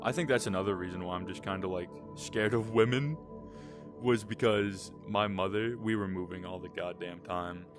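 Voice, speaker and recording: A man's voice: low voice, moderate pace, music in the background. A young man with a Southern American accent, rambling candidly in a casual late-night podcast chat and swearing freely. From Southern United States. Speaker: podcast co-host.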